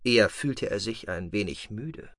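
A man narrating a science-fiction audiobook in an expressive storytelling manner. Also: fairly low pitch, moderate pace, no room sound, clean studio sound. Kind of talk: scripted narration.

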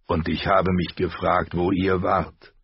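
A man voicing a scornful knight, sharp and raised. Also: sits low, level tone, unhurried, husky, dry recording, muffled recording, heavily acted. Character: scornful young male knight.

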